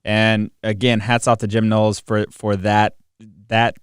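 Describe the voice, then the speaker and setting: A man's voice: on the low side, little pitch movement, measured pace, clear, resonant tone, no echo, studio quality. A man in his thirties co-hosting a casual sports talk show, upbeat and laughing with lots of fillers. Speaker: podcast co-host.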